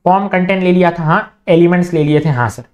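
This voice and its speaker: An animated man leads an online revision lecture. He fires off questions and answers them in a quiet put-on student voice, then drags out the key terms word by word. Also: sits high. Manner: slows right down to spell out key terms. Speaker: teacher.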